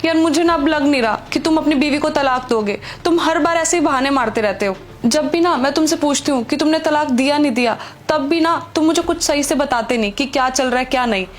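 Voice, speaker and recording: A woman's voice: high-pitched, fairly quick, hardly any pauses, lightly acted. A woman acting a pregnant married woman secretly in love with another man, pleading and defensive. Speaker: actor. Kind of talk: Hindi web skit acting.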